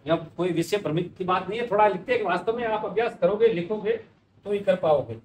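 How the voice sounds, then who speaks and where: A man's voice: high-pitched, fast, a little mellow. A man teaching Hindi spelling in a conversational way, repeating each word as he writes it out on a board. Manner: conversational, repeats words while writing. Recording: echoey room with faint ambient noise.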